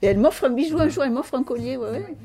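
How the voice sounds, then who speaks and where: A woman's voice: high voice, expressive, racing, over a noisy crowd. A woman in her fifties speaking as an author in an interview, reflective and searching for her words. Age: 50s. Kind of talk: interview conversation.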